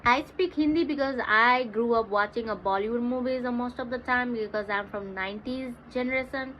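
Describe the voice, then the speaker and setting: This high-voiced Nepali livestream host talks a little fast, chatting casually in a mix of English and Hindi. The stream's audio is dull and lo-fi, with noticeable background noise.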